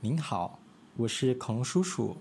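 A man from Malaysia reading a children's picture book aloud with expressive, animated storytelling. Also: mid-range voice, a little slow, slight background noise. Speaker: storybook reader.

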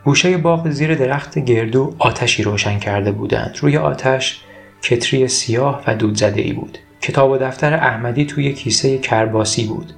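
A man reading a children's story aloud as a calm, scripted narration. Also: medium pitch, vocal fry.

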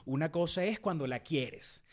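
Slangy Venezuelan man, lively podcast banter. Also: on the high side, moderate pace. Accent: Venezuelan Spanish. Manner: slangy, profane, animated storytelling. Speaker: podcast co-host. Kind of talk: casual chat.

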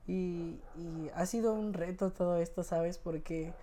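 A man's voice: high voice, fairly even intonation, measured pace, mellow, slight background noise. A man in his twenties with a Mexican Spanish accent, a podcast guest telling personal stories in a casual, often laughing way. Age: 20s. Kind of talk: casual interview storytelling.

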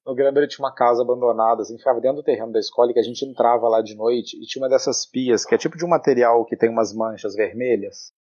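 A husky-voiced man chatting as a podcast co-host. He talks in an animated way and slips into other people's voices when he retells something. The recording sounds dull and lo-fi. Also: mid-range voice, fast talker, hardly any pauses. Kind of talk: casual chat.

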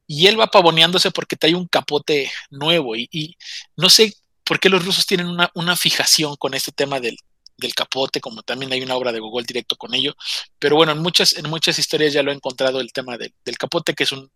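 A man's voice: fairly high pitch, brisk, dry recording. A man casually retelling a short story to a reading circle, acting out the characters' lines. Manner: animated, acts out characters' quoted lines.

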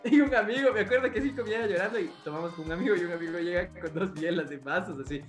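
A man's voice: sits high, racing, echoey room, soft background music. A man with an Ecuadorian accent, hosting a podcast, telling a story in casual chat with a lot of swearing and mouth sound effects. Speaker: podcast host.

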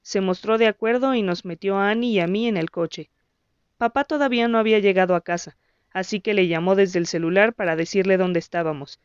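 Smooth-voiced woman reading an audiobook. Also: medium pitch, brisk, dry recording, dull audio. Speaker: audiobook narrator. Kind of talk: scripted first-person narration.

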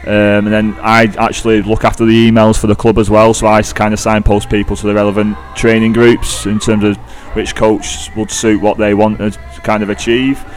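A man with a British accent from the Manchester area, chatting as a podcast guest in a casual, halting way. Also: fairly low pitch, completely flat delivery. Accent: northern English, Greater Manchester. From Greater Manchester, England. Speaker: podcast guest, club runner.

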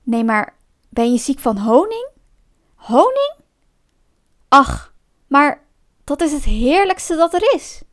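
A woman voicing a big, gullible male bear in a storybook who is mad for honey, eager and pleading, his voice jumping high. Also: sing-song, slow, a bit bright, heavily acted. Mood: greedy eager.

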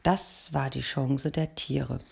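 A woman reading a children's animal story aloud in a calm, measured way. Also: a bass voice, vocal fry, husky.

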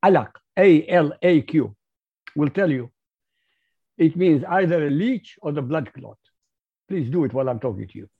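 A man's voice: a little high, expressive, normal speed, pauses often, breathy edge. A man from Iraq whose first language is Arabic, speaking with an Arabic accent as an interview guest, in an emphatic, lecturing way. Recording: muffled lo-fi audio.

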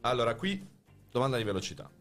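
A man hosting a football quiz with lively banter, speaking in an emphatic, theatrical announcing manner. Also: mid-range voice, fast, faint music behind. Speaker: quiz host.

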